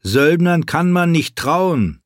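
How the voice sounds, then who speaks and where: A man's voice: a little high, lively intonation, slow, dry recording, clean studio sound, pitched above the performer's own voice. A man voicing a wry young male sellsword companion in an audiobook, teasing and blunt in a raised voice. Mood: mocking, urgent. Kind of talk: audiobook character voice.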